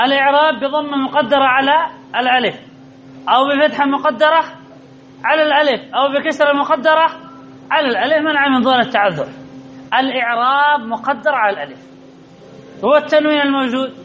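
An extremely high, slightly bright male voice leads a grammar lesson with students present in the classroom. He fires questions at them and repeats their answers again and again, on a dull, lo-fi recording with faint background noise.

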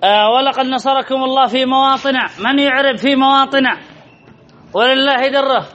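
A man teaches Arabic grammar to a class, quizzing the students and repeating key phrases. His voice is extremely high-pitched, steady in tone, a bit bright, and at normal speed, and the recording's highs are cut off.

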